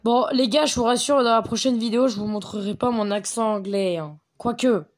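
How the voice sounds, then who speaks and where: A woman giving rambling, chatty commentary on a mobile game from her bedroom at home. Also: fairly high pitch. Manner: chatty, rambling, quick to get excited. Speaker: gameplay commentator. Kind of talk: casual gaming commentary.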